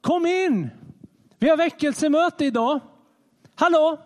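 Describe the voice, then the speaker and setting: A man's voice: very high-pitched, lively intonation, pitched above the performer's own voice. A man mimicking smug, prim churchgoers who call sinners in from a distance in a mocking sing-song. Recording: long reverb of a large hall.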